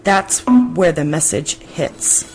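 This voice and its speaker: Woman giving a measured translation voice-over. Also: low voice, loud music behind the voice. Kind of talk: translation voice-over of a spiritual talk.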